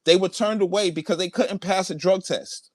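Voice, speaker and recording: A man's voice: sits high, normal speed, over a noisy crowd. A man in a heated online debate, arguing emphatically and swearing as he repeats his points. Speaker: debate participant. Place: large room at home.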